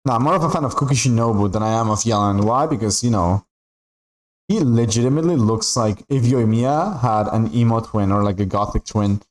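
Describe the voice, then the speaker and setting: A man's voice: medium pitch, fairly quick, rough recording. A young man from Peru chatting casually while streaming a game, rambling and packing his talk with "like" and "right?". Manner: rambling, chatty, filler-heavy with frequent "like" and "right?". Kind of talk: casual chat while gaming.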